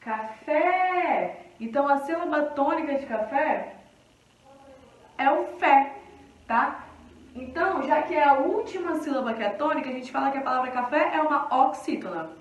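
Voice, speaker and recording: Brazilian woman teacher, high voice, patient and explanatory, recorded off-mic in a very echoey room. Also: expressive, normal speed, far from the mic, muffled recording. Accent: Brazilian Portuguese. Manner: explanatory, checking in often with the class. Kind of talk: recorded grammar lesson.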